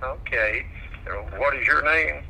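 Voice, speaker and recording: A man's voice: medium pitch, measured pace, creaky. A man answering a phone call at work, speaking in short, hesitant replies. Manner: terse, hesitant. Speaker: museum worker answering the phone. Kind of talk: phone conversation. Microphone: telephone. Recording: noisy, sharp telephone line.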